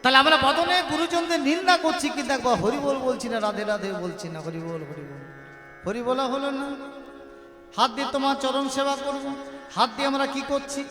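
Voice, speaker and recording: High-voiced man preaching a devotional sermon. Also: fairly quick. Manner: call-and-response with the audience; addresses listeners as mothers, rhetorical questions. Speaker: kirtan singer and preacher. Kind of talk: devotional sermon with sung verses. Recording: roomy echo with long reverb. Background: devotional music playing.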